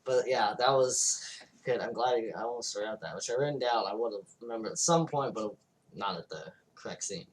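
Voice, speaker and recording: A man's voice: on the low side, a little fast, recorded from a distance, slight background noise. A man co-hosting a podcast, retelling a movie plot in casual, profane chat. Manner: loose, profane retelling with acted-out quotes. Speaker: podcast co-host.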